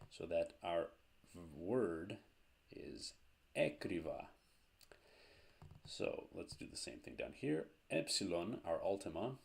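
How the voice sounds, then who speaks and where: A man teaching a language lesson, explaining grammar step by step in a slow, methodical way. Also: low voice, gravelly.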